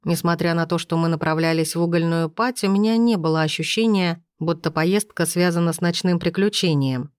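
A woman narrating an audiobook in a slow, measured reading voice. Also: fairly low pitch, a little mellow, clear, resonant tone, no echo, clean studio sound. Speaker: audiobook reader.

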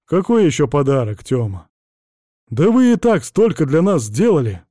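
A man's voice: a little high, very animated, normal speed, no room sound, studio quality. A man voicing a cheerful, bashful middle-aged male neighbor in an audiobook. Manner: warm, homely, chatty.

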